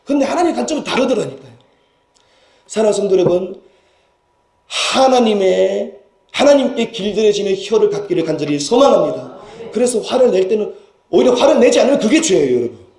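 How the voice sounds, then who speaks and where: A male pastor delivers a sermon in a church sanctuary. His voice sits high for a man, mellow in tone, and it swings widely in pitch as he presses rhetorical questions on the congregation. The room is echoey. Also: lively intonation, a little fast. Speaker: senior pastor.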